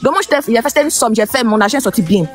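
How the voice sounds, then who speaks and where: A woman on a live audio chat recounting a colleague's bank deposit trouble, talking fast and a little haltingly. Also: on the high side, lively intonation, soft background music. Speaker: participant sharing a story.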